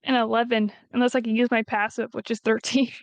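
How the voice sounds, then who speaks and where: Gravelly higher-voiced woman player. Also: little pitch movement, a little fast, no echo. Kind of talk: casual tabletop play.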